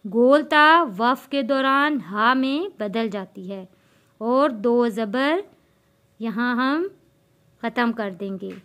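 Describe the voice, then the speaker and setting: Woman, Quran reading teacher, high voice, unhurried, spells letters then drawls syllables. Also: expressive, fairly bright tone. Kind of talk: slow step-by-step recitation lesson.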